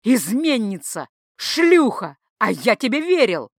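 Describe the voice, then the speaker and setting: A woman voicing a jealous, hysterical male city official who shouts accusations at his wife. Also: medium pitch, animated, moderate pace, no echo, clean studio sound, natural voice. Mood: shrieking. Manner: loud, accusing, whiny.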